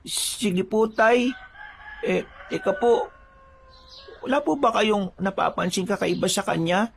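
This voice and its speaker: A man's voice: sits high, slow, gravelly, a little hiss or hum, pitched above the performer's own voice, heavily acted. A man voicing a timid, sensitive young village boy who speaks politely and respectfully.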